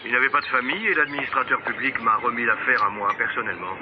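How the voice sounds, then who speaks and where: An actor playing a busy official on the phone in a dubbed TV soap, brisk and businesslike. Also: male voice, medium pitch, lightly acted. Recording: dull, noisy phone-scene sound.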